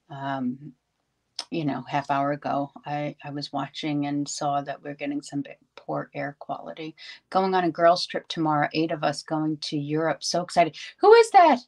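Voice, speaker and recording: Casting: middle-aged woman from New York, low-ish voice, chatty rambling live-stream host. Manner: chatty, rambling, greets viewers by name. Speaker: livestream craft host. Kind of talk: casual live-stream chat.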